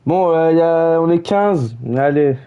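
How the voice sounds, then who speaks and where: A man's voice: fairly high pitch, a little slow, clean tone, phone-quality sound. A man streaming a football video game, chatting with friends in slangy, teasing, mock-outraged asides and calling the match like a mock commentator.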